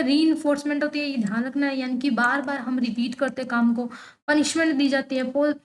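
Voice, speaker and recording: A woman teaching an online exam-prep lecture, reading English lines out slowly and then explaining them, asking questions and answering them herself. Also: high voice. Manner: peppers explanations with checking tags like "theek hai".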